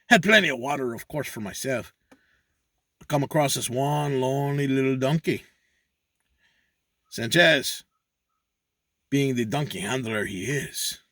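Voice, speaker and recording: A man performs a comic monologue as a crude, boastful male donkey handler who rambles about himself in the third person. His voice is mid-range and fairly bright, recorded at studio quality with no echo.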